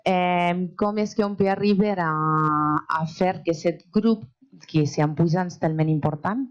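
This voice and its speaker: A woman's voice: fairly low pitch, unhurried, muffled recording. A woman who is not a native French speaker, with a foreign accent in French, hesitantly putting a question at a public panel. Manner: hesitant, non-native phrasing. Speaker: audience member asking a question, NGO worker.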